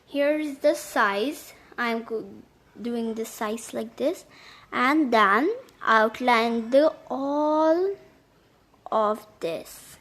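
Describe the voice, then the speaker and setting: A woman narrating a step-by-step app tutorial in halting, repetitive phrasing. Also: a little high, fairly bright tone. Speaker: tutorial host.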